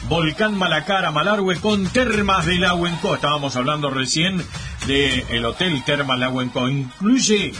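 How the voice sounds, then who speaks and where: A man's voice: a little high, moderate pace. A man with an Argentine accent reading live radio ads, stressing and repeating the key details. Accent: Argentine Spanish. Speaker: radio co-host and ad reader. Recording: radio broadcast with music bed.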